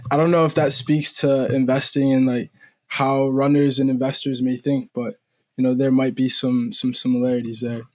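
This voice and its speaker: A male podcast co-host speaks in a casual, easygoing manner. His delivery stays flat and even, with little rise or fall in pitch. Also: normal speed. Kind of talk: conversational interview.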